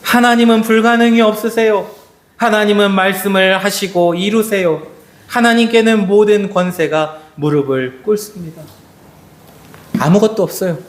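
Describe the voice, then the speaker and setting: A man preaching a Sunday sermon as pastor, swinging his voice high and low and talking straight to the congregation. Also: moderate pace. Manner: addresses the congregation directly. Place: church sanctuary. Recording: echoey church sanctuary.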